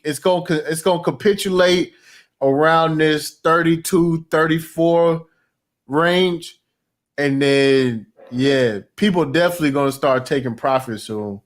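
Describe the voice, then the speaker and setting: A man hosting a podcast, chatting casually about crypto in a halting, stammering, slangy way. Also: a little high. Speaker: podcast host.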